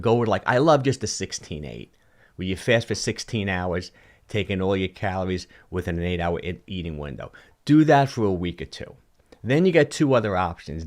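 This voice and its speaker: An animated, low-voiced fitness coach in his sixties chats casually on his livestream and reads out viewer comments, talking with his hands and often restarting or repeating himself. He sits in a home studio lit with colored lights, a large boom-mounted studio mic in front of him.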